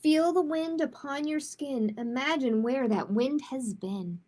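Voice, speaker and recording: A woman hosts children's storytime as a librarian, reading a picture book aloud before moving on to casual announcements. Her high, warm voice stays measured, suited to picture books and easy chat with families.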